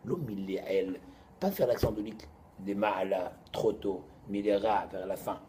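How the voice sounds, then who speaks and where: A man, teaching an informal Torah class to students in an animated, joking way, moving between loud bursts and quiet asides. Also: fairly low pitch, moderate pace, a little hiss or hum.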